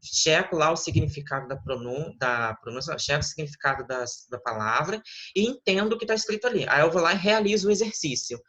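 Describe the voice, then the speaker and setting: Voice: mid-range voice, animated, a bit bright. A teacher, patiently explaining a lesson and often checking in with the student. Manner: models English words slowly. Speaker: English teacher.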